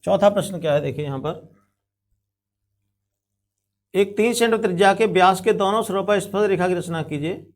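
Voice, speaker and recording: A man's voice: sits high, brisk, long pauses. A man teaching a school geometry lesson step by step, repeating key phrases and addressing students as his children. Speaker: math teacher. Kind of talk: classroom lesson on geometry constructions.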